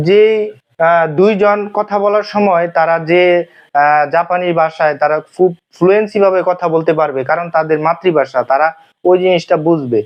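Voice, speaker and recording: A man teaches a language lesson in a fairly high voice. He circles back over each point, asking a question and then answering it himself, with frequent hesitations. The recording sounds muffled and lo-fi. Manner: repetitive, asks and answers own questions, many fillers. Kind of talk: classroom lesson explanation. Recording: dull lo-fi sound.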